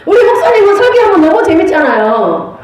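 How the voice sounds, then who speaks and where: A woman, a pastor's wife, teaching a church class on prophecy, telling stories in a lively way and laughing often. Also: very high-pitched, brisk. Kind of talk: church lecture with storytelling. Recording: very echoey room.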